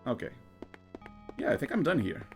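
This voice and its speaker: A man giving casual game commentary, thinking aloud in a halting way and often repeating his words. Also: medium pitch, very animated, gravelly. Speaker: gamer narrating a playthrough. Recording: game music behind the voice. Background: video game music.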